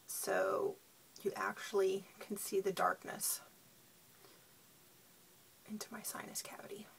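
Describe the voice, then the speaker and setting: Tired, husky woman with creaky voice. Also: medium pitch, little pitch movement, takes it slowly, whispered, rough recording. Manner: tired, sleep-deprived delivery. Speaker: beauty reviewer. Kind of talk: casual product demo chat.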